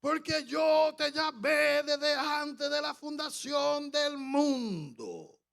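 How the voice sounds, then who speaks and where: A man acting out an elderly male pastor who proclaims a prophecy with thundering authority, slow and drawn out. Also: extremely high pitch, lively intonation, gravelly, a bit bright, voice pushed up, full character voice.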